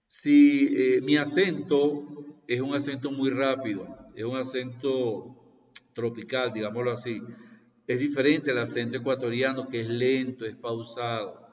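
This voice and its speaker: Man in his sixties lecturing over a video call. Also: mid-range voice. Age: 60s. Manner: repetitive, explanatory, often checks with "¿Ok?". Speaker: university lecturer. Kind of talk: online class introduction. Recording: distant, roomy, dull video-call audio.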